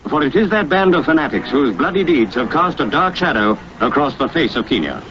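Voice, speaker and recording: A man's voice: a little high, very animated, brisk. A man announcing in old newsreel style, grave and declamatory, as if played from an archive newsreel. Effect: old newsreel sound. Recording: lo-fi old newsreel audio with loud noise.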